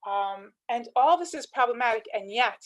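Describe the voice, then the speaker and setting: A woman's voice: a little high, expressive, normal speed, rough recording. A woman teaching a lesson on scripture, retelling scenes with quoted dialogue and rhetorical questions. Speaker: Torah teacher.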